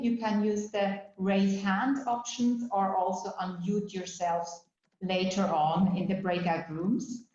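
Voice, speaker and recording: A woman's voice: medium pitch, darkish tone. A woman hosting an online workshop, explaining the steps in an orderly way with frequent um fillers. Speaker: workshop moderator. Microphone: video call. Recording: roomy, slightly dull video call audio.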